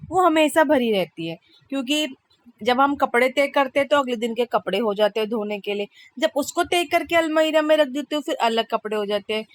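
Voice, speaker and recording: A woman in her thirties, a mother, narrating her busy day in a chatty, exasperated vlog voice-over. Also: fairly high pitch. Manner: chatty, exasperated, complaining humor. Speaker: vlogger, mother.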